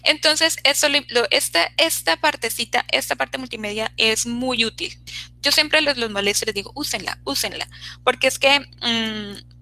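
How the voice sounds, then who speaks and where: A woman's voice: on the high side, normal speed, pushed and bright, rough recording. A woman teaching an online English class, checking in constantly with her students as she explains.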